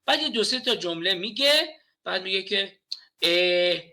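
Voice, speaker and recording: A man in his thirties with a high-sitting voice runs a live webinar on communication skills. He's playful and animated, addressing his class directly.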